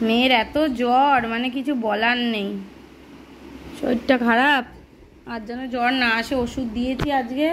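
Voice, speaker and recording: Hoarse, weary woman vlogging at home. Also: fairly high pitch, steady tone, moderate pace, a bit bright, slight background noise. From Kolkata, West Bengal. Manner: weary, fretful, rambling. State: hoarse, sore throat. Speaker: vlogger, mother of a baby. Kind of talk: casual home vlog chat. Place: home indoors.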